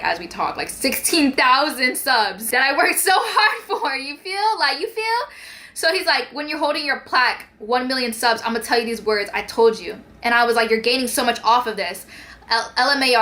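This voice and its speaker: A woman's voice: a little high, a bit bright. A young woman telling a story on her vlog in a casual way, saying "like" a lot and reading out text messages. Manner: heavy use of "like", reads out text messages. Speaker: YouTuber.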